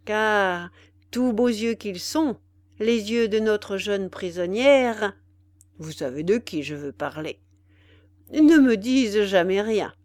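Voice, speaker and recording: Vain fop officer, chattering and boastful, storybook reading, woman narrator voicing him, slow and dry. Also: medium pitch, expressive, darkish tone, dry recording. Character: vain foppish young male officer.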